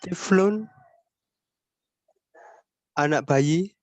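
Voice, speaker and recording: A man reciting vocabulary as a student in an online class, slowly and hesitantly. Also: high voice, no room sound, muffled recording. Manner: slow, hesitant recitation with pauses.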